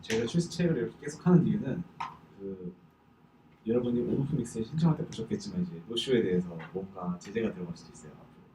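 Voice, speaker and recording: A man's voice: fairly low pitch, fast talker. A man hosting an event, making informal announcements to attendees. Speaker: event host. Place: indoor event venue. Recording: echoey noisy room, distant microphone.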